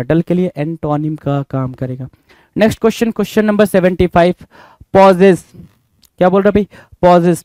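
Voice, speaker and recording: A man's voice: high voice, a little mellow, dry recording. A man teaching an exam vocabulary lesson, asking the listener rhetorical questions over and over. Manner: repetitive quizzing asides.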